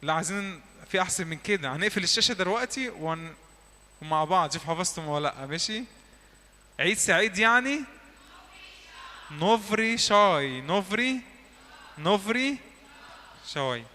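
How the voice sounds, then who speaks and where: A man with an Egyptian Arabic accent teaching a church class, quizzing the listeners and repeating words slowly so they echo them back. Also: high voice, animated, sharp tone. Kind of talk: lively classroom teaching with drills. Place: church hall.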